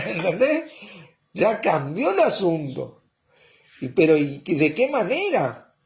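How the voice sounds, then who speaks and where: A man preaching a sermon in a slow, explanatory way, often checking on his listeners with a quick "¿eh?" or "¿mm?". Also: high-pitched, big pitch swings.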